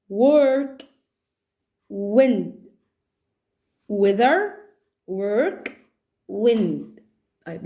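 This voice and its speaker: Egyptian woman, slightly high-pitched, chatty teacher drilling English phonics. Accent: Egyptian Arabic. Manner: chatty, repeats example words slowly. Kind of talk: phonics lesson.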